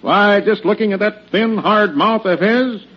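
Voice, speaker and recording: A high folksy cowboy sidekick. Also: male voice, unhurried. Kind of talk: 1940s radio acting. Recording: dull old radio recording.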